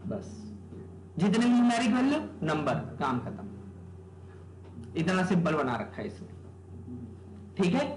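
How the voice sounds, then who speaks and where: Speaking unhurriedly with long pauses, this male programming teacher has a high, sing-song voice. His live classroom lecture, recorded in an echoey, noisy room, is full of rhetorical questions and frequent "okay?" checks.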